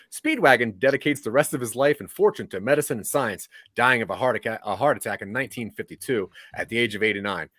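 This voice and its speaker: A man's voice: medium pitch, a bit bright, dry recording. A man co-hosting a podcast, casually recapping a TV season as a story and chuckling between lines. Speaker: podcast co-host summarizing the episode.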